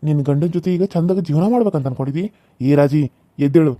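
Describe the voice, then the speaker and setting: A man's voice: a little high, fast talker, warm tone, no echo, close to an everyday voice. A man voicing a menacing, scorned young village man in a cartoon serial, taunting and threatening with mocking laughs. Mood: scheming.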